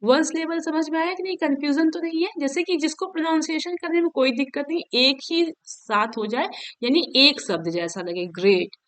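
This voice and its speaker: Teaching grammar for an exam, this woman works through word forms one by one, slowly and patiently, and checks in after each point. Her voice sits fairly high and is a bit bright, with lively intonation.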